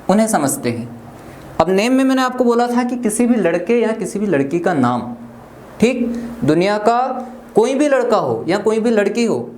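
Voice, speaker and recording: A man's voice: sits high, a little mellow. A man teaching an English lesson to students, spelling words letter by letter and often checking that they follow. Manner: checks understanding with frequent "theek" and "clear hai". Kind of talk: classroom lecture. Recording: echoey room, faint room noise.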